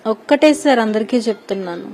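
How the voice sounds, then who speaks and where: A woman's voice: on the high side, expressive, brisk, a little mellow, faint music behind, poor audio. A woman in her thirties giving a distressed, pleading news interview, repeatedly addressing the interviewer respectfully.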